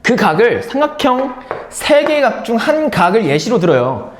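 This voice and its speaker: A man's voice: very high-pitched, very animated, moderate pace, reverberant. A man teaching a live math class, playful and drilling key terms by repeating them. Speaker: math instructor.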